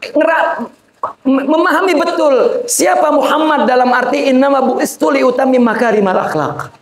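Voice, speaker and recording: Male preacher, very high voice, casual joking sermon, roomy echo. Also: normal speed. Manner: colloquial, joking asides, addresses listeners as "Pak". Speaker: sheikh preaching to a gathering. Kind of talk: informal religious sermon. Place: Islamic boarding school gathering. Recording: echoey room.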